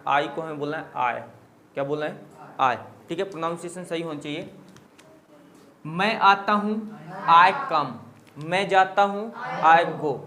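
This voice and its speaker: A man teaching English grammar in Hindi, slowly repeating example sentences one after another. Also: on the high side, pushed and bright, slight background noise. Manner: slow, repetitive drilling of example sentences. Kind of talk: Hindi-medium grammar lesson.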